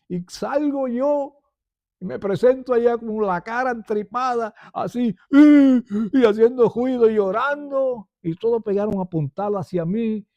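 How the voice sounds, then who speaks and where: An older man tells his personal testimony earnestly and calls his listeners brothers. His voice is high for a man, yet dark and mellow, and he speaks slowly. The sound is dry and close. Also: dry recording, muffled recording. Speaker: believer giving testimony.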